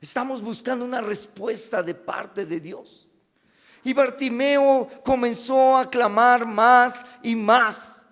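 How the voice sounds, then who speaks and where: A man with a Mexican Spanish accent delivers a dramatic sermon in a high, unhurried voice. He builds to loud cries and then sinks to hushed, near-whispered lines. The sound carries a long reverb from the church hall. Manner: dramatic preaching, rising to loud cries and dropping to hushed asides. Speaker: pastor.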